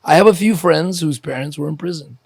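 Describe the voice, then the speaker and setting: Ukraine-born guy hosting a podcast, gravelly and a bit husky, jokes around. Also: on the high side, a little fast, a little mellow, no echo, studio quality. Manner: joking, chatty, restarts often. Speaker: podcast host. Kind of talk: casual interview chat.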